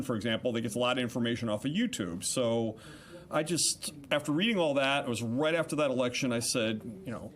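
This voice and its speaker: A middle-aged man, a podcast co-host appearing as a guest, chatting casually in an interview and rambling through his story with fillers and restarts. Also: medium pitch.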